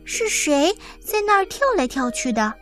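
Woman playing a storybook mole girl, gentle, stammering, high lively voice. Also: normal speed, faint music behind. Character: little female mole, poor-sighted, sharp-nosed, gentle.

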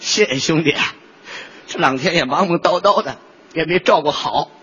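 A man's voice: a little high, moderate pace, sharp tone, husky, highs cut off, voice pushed down, exaggerated voice. A man playing a widower holding back tears. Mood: restrained grief. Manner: subdued, restrained, polite. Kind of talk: crosstalk stage comedy.

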